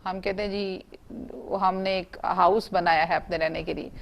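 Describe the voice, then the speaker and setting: A woman's voice: lowish voice, fairly even intonation, a little slow, slight background noise. A woman teaching young students in an online class, speaking, spelling out words letter by letter and asking the class questions.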